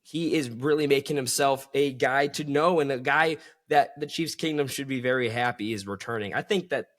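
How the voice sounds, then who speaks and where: A man's voice: mid-range voice, normal speed, a bit bright. A man hosting a solo sports podcast, talking with enthusiasm and calling his listeners folks.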